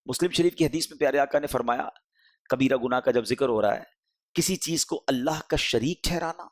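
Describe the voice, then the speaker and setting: A man preaching a sermon, impassioned, rising and falling emphatically as he pleads with his listeners. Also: mid-range voice.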